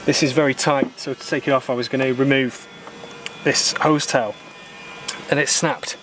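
A man in his thirties talks through a boat repair in a calm, methodical way, now and then blunt in his opinions. His pitch stays level and even. The outdoor camera mic picks up a faint background hum. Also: moderate pace. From Britain. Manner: calm, methodical, plain-spoken, mildly opinionated. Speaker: sailor doing boat repairs. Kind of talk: explaining repair steps while working. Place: outdoors in a garden workshop.

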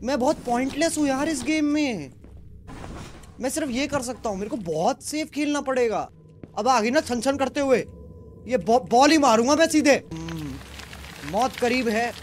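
A man streaming a horror game, commentating live with panicky yelling and crude jokes. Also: extremely high pitch, lively intonation, normal speed, slight background noise. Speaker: gaming streamer.

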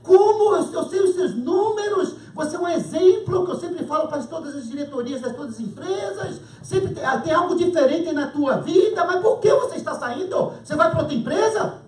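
A preacher acting out a flustered boss who can't believe his best worker is quitting. The voice jumps up high and pleads. It is heard from far off in a roomy church hall. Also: animated, fairly quick, a little mellow. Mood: pleading, astonished. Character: excited male company boss, pleading.

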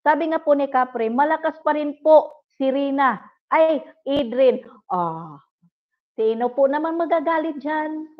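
A middle-aged woman hosting a livestream, chatting casually and politely with viewers and giggling often. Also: high-pitched. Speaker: livestream host. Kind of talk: casual live chat reading viewer comments. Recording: dull lo-fi livestream audio.

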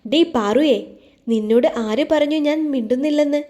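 A woman voicing a young woman who hides her heartbreak behind gentle teasing, in an audio storybook. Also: high voice, normal speed, close to an everyday voice. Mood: wistful.

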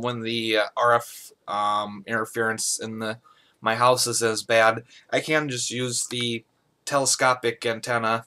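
In a small bedroom, a young hobbyist video host gives a casual product review, talking informally with a touch of hesitation. His voice is mid-range, pushed and bright, with a clean tone.

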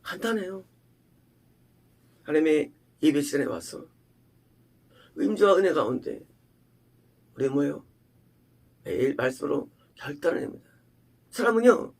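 Male pastor, gravelly and husky, delivering a sermon full of rhetorical questions. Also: fairly high pitch. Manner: emphatic preaching with rhetorical questions, swinging from loud to hushed.

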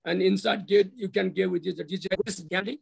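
A middle-aged man with a Nepali accent presenting slides on a video call in halting, repetitive phrases. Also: sits high, steady tone, creaky, darkish tone, husky. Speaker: university official presenting a development plan. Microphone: video call microphone.

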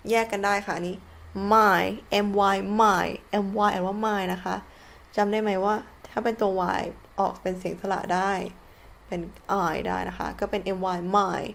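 A Thai-accented woman teaching an English lesson at an unhurried, deliberate pace. She spells each word letter by letter, then says it again and again so learners can follow. Her voice sits in a middle register for a woman. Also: mid-range voice. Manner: spells words letter by letter and repeats them slowly. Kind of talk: slow, patient classroom explanation.

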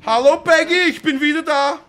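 A man's voice: high-pitched, lively intonation, quick pace, crowd noise. A man doing a brash old Dutch father. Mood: bossy. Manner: loud, bossy, keeps tagging lines with "Junge". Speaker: roleplay streamer. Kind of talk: game role-play.

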